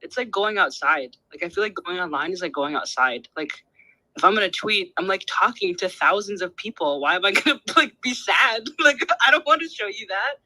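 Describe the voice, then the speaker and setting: A young man, an artist and guest, chatting in a bubbly, fast way with frequent laughs and many fillers. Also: high voice, lively intonation, bright, forceful tone, dry recording, rough recording. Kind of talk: casual chat on a podcast.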